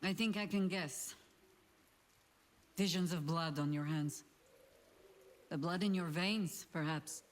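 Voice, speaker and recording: A performer playing a calm, cryptic otherworldly guardian in a video game, with a measured, formal, probing manner. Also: medium pitch, close to an everyday voice. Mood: grave, watchful.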